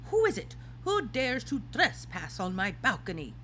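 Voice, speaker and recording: A woman voicing an imperious, menacing grand witch in a storybook, snapping and sneering with drawn-out words. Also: on the high side, wildly swooping pitch, a bit bright, a little hiss or hum, voice pushed up. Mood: suspicious, snapping.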